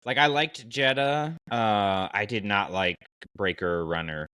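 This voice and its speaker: Talking through his views on fiction in a relaxed podcast conversation, this man speaks a little slowly in a lowish, bright voice with a forceful, clear, resonant quality. The audio is studio quality with no echo.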